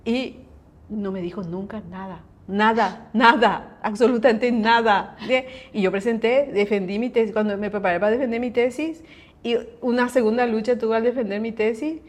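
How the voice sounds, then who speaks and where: Lively woman telling a faith story. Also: fairly high pitch, normal speed. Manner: lively storyteller who acts out quoted dialogue; often asks listeners to confirm. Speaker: host sharing a personal testimony. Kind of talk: conversational faith testimony.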